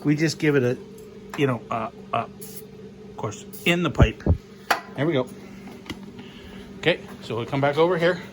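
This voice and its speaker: A man's voice: fairly high pitch, unhurried, pauses often, very noisy. Jokey man in his garage. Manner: jokey, rambling, swears casually. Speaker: mechanic vlogger. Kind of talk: casual workshop vlog.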